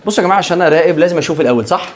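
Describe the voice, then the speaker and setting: Fast-talking Egyptian teacher, joking. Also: male voice, a little high. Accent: Egyptian Arabic. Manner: lively, joking, keeps checking if students follow. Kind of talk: classroom lecture.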